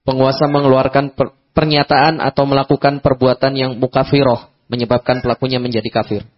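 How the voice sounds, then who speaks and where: An Indonesian-accented man reads a religious text aloud in a flat, monotone voice, tripping over a word now and then. The recording sounds dull and lo-fi. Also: mid-range voice, a little fast. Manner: reads flatly, stumbles on words. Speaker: lecture text reader.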